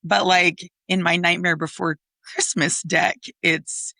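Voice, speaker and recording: A woman co-host talking in a relaxed, unhurried way, explaining patiently with fillers. Her voice is lowish and gravelly with a bright edge. She speaks slowly and casually. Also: no room sound. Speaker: podcast co-host. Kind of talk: casual chat.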